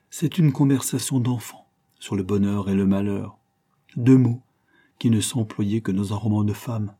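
A man voicing a bitter, ironic gentleman lawyer. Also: lowish voice, close to an everyday voice. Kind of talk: audiobook reading.

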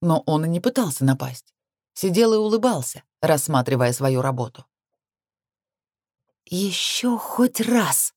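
A woman reads a first-person novel aloud, keeping a steady pace that lifts sharply on tense phrases. Her voice is low and dark. The recording is dry and close. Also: brisk, no echo. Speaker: audiobook narrator. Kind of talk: first-person audiobook narration.

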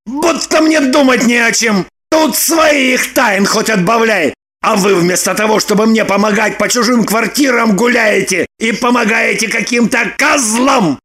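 A woman voicing a hot-tempered, sarcastic grown man in an audiobook, prone to shouting outbursts. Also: fairly low pitch, sing-song, a little slow, husky, full character voice. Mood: indignant. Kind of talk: audiobook character reading.

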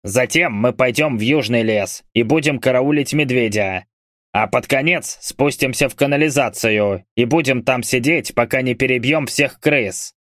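A man's voice: mid-range voice, normal speed, fairly bright tone, dry recording, clean studio sound, natural voice. A man voicing a grumpy, foul-mouthed male berserker who grumbles and curses. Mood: threatening. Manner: coarse, swearing, grumbling.

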